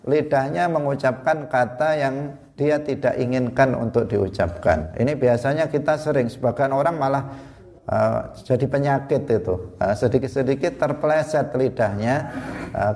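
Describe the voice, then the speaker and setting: A man's voice: medium pitch, moderate pace, mellow. A man giving an Islamic study lesson, explaining step by step with examples and rhetorical questions. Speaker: religious teacher.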